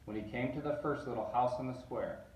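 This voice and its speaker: A man reading a picture book aloud, animated and rising on repeated words. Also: mid-range voice, fairly quick, a little hiss or hum. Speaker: reader. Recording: roomy echo, distant mic.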